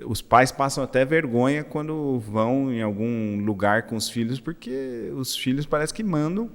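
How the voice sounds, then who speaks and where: A man's voice: mid-range voice, moderate pace, smooth. A male host talking casually and a little hesitantly, with frequent fillers. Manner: relaxed, hesitant with many fillers. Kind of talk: casual conversation. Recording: roomy reverberant room.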